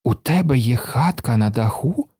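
A man's voice: mid-range voice, expressive, normal speed, mellow, breathy edge, no echo, studio quality. A man reading a storybook aloud and voicing an earnest young boy who worries and asks wondering questions.

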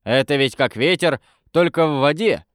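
A man voicing a calm, practical sailor who speaks in a measured way. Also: fairly high pitch, no echo, studio quality, lightly acted.

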